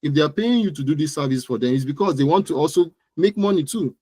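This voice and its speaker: A little high yet dark and husky, his animated voice moves at a quick pace with no room sound. A Nigerian-accented digital marketing entrepreneur, he talks conversationally as an interview guest about his own business, repeating phrases for emphasis.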